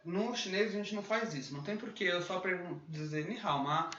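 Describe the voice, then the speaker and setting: A man with a fairly high voice teaches Mandarin greetings in a relaxed video lesson, checking in often and stretching out sample syllables to show the tones. He sits back from the microphone in an echoey room. The sound is dull and lo-fi with a faint hiss behind it. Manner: explains patiently, often checks in with "né?"; drawls out model syllables slowly and higher when demonstrating tones. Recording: roomy, dull lo-fi sound from a distance with faint background noise.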